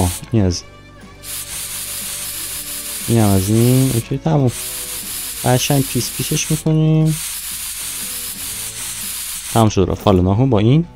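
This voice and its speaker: A young man talks casually to himself as he plays, cheerful and joking. His voice is dark and mellow. Faint game music runs quietly underneath. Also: mid-range voice, poor audio. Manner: playful, talks to himself while playing. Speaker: gaming YouTuber.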